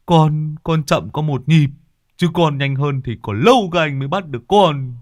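A man's voice: a little high, moderate pace, no room sound, studio quality, voice pushed up, natural voice. A man doing a cocky stammering young driver. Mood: sheepish. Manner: excitable, boastful, stammering. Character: brash young male driver, cocky prankster.

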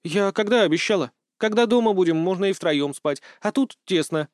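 A man's voice: sits high, expressive, moderate pace, no room sound, studio quality, pitched above the performer's own voice. A man voicing a possessive, teasing young wife in an audiobook.

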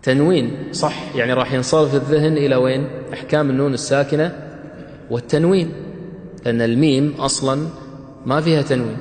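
A man's voice: medium pitch, fairly even intonation, fast, darkish tone, echoey room, long reverb tail. A man teaching Quran recitation rules, quizzing his students with short questions and praising their answers.

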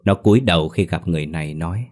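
A man narrating a scripted ghost story in a steady, dramatic reading. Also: deep voice, fast talker.

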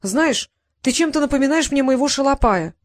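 A woman voicing a big fatherly male dragon, gruff but good-natured. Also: high voice, lively intonation, moderate pace, pitched above the performer's own voice.

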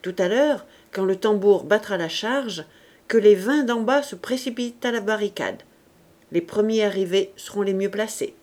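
A woman's voice: medium pitch, normal speed, darkish tone, close to an everyday voice. Stern young rebel chief barking short orders, read by a woman, storybook reading. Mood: commanding. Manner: clipped commanding orders. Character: young male rebel leader, stern and cold.

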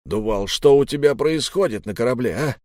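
A man voicing an angry old male ship officer who shouts his accusations. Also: medium pitch, animated, fairly quick, no echo, clean studio sound, close to an everyday voice. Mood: furious. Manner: shouting, indignant.

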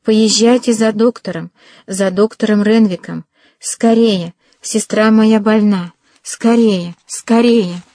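A woman's voice: mid-range voice, a little slow, dark tone, no echo, close to an everyday voice. A woman voicing a distraught young woman with urgent, pleading cries, in a storybook reading. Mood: desperate.

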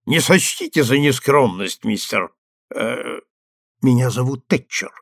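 Man reading a meek young clerk, new father; gentle, mild, gravelly texture. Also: mid-range voice, animated, unhurried, no room sound, studio quality, heavily acted. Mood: polite. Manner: timid, gentle, soothing.

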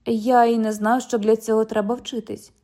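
A woman's voice: a little high, flat delivery, moderate pace, dark tone, lightly acted. Jack: a woman doing a stiff young cop. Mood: formal. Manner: formal, stiff, patient. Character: patient, formal young male police officer. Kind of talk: audiobook dialogue reading.

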